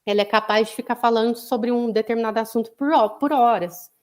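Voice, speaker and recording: A woman's voice: a little high, fairly even intonation, a little fast, darkish tone. Brazilian woman explaining in a lecture. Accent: Brazilian Portuguese. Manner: explanatory, frequent "né?" tags. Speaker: psychologist, guest speaker. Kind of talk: conversational lecture. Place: online live broadcast.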